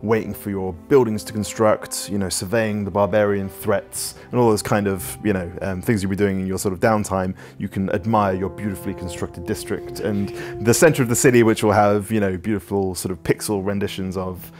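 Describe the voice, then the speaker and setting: Man, low register, relaxed developer Q&A, rambling and filler-heavy. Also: fairly quick, hardly any pauses, soft background music. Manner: rambling explanations full of ums and you-knows. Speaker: game developer answering questions. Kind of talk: casual Q&A chat.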